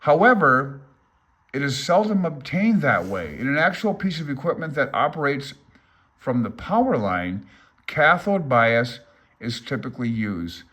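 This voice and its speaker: This older hobbyist presents an amateur radio handbook in a mid-range, husky, slightly bright voice with a sing-song lilt, speaking a little slowly. His casual, unscripted explanation rambles along as he thinks aloud, plainly unsure of himself.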